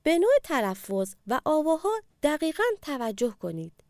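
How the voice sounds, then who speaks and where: A woman narrating a language course and clearly prompting the listener to repeat after the speaker. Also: high voice, sing-song, darkish tone, no room sound, clean studio sound. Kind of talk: scripted lesson narration.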